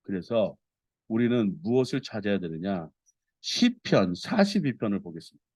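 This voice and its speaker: A man preaching a Sunday sermon as a pastor, earnest and expressive, reading scripture aloud with feeling. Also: fairly low pitch, normal speed, breathy edge, dry recording.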